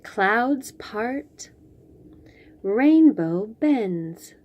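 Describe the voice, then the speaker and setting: A woman with a fairly high voice hosts a read-aloud for small children, taking her time and stretching out the picture book's lines with very lively intonation. She adds chatty comments of her own between the reading, and the sound is lo-fi.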